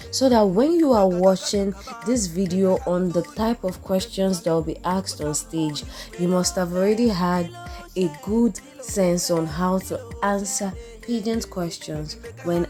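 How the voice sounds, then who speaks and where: A woman presenting scripted instructional tips as a narrator, in a deliberate, clearly enunciated manner. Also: medium pitch, a little mellow. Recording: music playing behind the voice. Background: background music.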